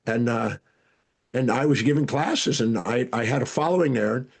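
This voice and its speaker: An older man with a gravelly, husky voice, telling animated life stories as an interview guest. He talks in a lively way, restarts his sentences often, and keeps a mid-range pitch. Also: normal speed. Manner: animated storyteller, frequent restarts. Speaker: guest speaker and educator. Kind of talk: storytelling interview answers.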